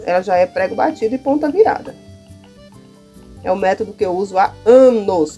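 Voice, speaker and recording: A Brazilian primary school teacher with a Brazilian Portuguese accent goes through classroom material in a casual, chatty how-to demonstration, often checking in with her listeners. Her mid-range voice has a dark, slightly rough tone.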